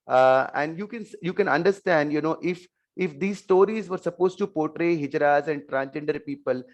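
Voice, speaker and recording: A man with an Indian accent speaking as an expert panel guest, explaining in halting, short phrases. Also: fairly high pitch, lo-fi sound. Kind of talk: explanatory panel talk with slides.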